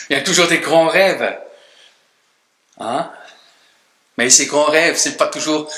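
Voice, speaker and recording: High-voiced preacher in echoey church. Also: male voice, bright, forceful tone. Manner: emphatic, drops low at phrase ends. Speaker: pastor. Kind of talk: sermon. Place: church hall.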